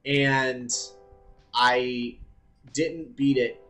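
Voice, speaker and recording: A man hosting a live stream, chatting casually and thinking out loud, with the odd swear word. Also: mid-range voice, fairly even intonation, very slow, soft background music.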